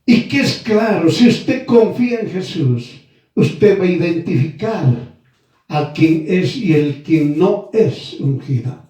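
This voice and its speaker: A man preaching a sermon, slow and emphatic, repeating key phrases and addressing his listeners as brothers and sisters. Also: high-pitched, animated, mellow. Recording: very echoey room, voice from far off.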